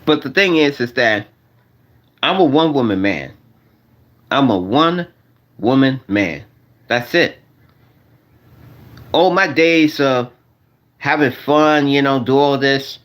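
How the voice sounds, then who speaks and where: Man, forties, vlogger; loose slangy monologue, repeats himself, lively pitch. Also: slow pace, pauses often. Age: 40s. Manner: repetitive, restarts and repeats phrases; slangy, addresses viewers as y'all. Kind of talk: rambling casual monologue to viewers.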